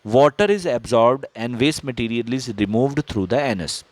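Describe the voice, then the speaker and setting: Slow, deliberate Indian teacher, man. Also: medium pitch, no echo. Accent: Indian English. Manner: dictates English sentences slowly, then explains faster in Hindi. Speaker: biology teacher. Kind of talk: bilingual lesson, reading English lines slowly then explaining in Hindi.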